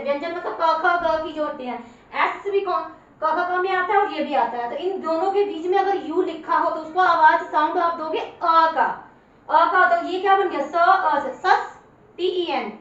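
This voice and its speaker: Woman teacher, high voice, spells words letter by letter and repeats them; recorded far from the mic with a dull tone. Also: normal speed, a bit bright. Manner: patient, repeats each word for the learner. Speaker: English teacher. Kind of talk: spoken spelling lesson. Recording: very echoey room, far from mic, dull sound.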